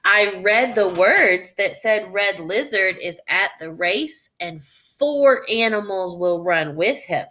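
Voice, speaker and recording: With an expressive, mid-range voice, a woman delivers a children's story like a classroom teacher. She thinks aloud and carefully directs her young listeners, keeping it instructional.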